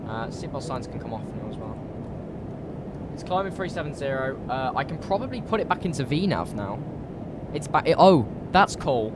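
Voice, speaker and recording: A British man with a slightly croaky voice from a cold, chatting informally and thinking aloud as he live streams a flight sim. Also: mid-range voice, sing-song, normal speed, background noise. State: recovering from a cold. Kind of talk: casual live stream chat while flight simming.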